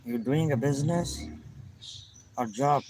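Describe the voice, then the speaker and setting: A man from Pakistan with a Pakistani accent, chatting live with viewers in halting, simple English and greeting them by name. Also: medium pitch, noisy background. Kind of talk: casual live chat.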